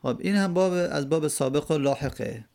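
In this classroom lecture on a hadith text, a male religious teacher speaks with a voice on the high side, marked by vocal fry and a darkish tone. He works through a quoted Arabic verse one word at a time, repeating important terms.

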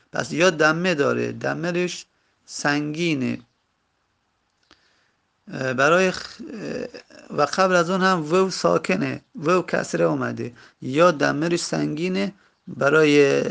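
A man teaching a grammar lesson, going slowly and repeating each example word. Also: fairly high pitch, gravelly, fairly bright tone. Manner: slow, repetitive, drawing out example words. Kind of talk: Arabic grammar lesson in Persian.

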